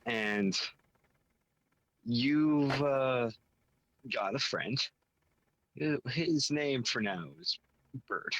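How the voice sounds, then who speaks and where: A man with a gravelly, creaky edge to his mid-range voice, chatting casually as a podcast co-host. He jokes with his friends and then lays out a game pitch at an easy pace. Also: expressive, drawn-out words, long pauses, a bit bright, dry recording, poor audio. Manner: jokey, pitches a game idea. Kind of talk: casual chat.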